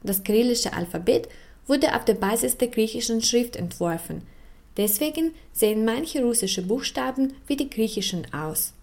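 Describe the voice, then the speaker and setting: A woman giving scripted educational narration, explaining things in a clear, measured way with carefully spoken example words. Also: on the high side, animated, darkish tone. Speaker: narrator of a language feature.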